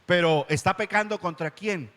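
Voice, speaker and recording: A male pastor, preaching in a voice set a little higher than most men's. He repeats words for emphasis and now and then slips into a whiny voice for the doubters in his flock. A long church-hall reverb trails each phrase. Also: moderate pace, fairly bright tone. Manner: acts out church members' objections in a higher whiny voice. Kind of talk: sermon.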